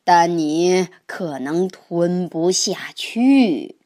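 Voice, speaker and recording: A woman voicing a wise old male grandpa toad in a children's storybook, speaking slowly. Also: expressive, a little mellow. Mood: calm. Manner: slow, low, drawn-out speech.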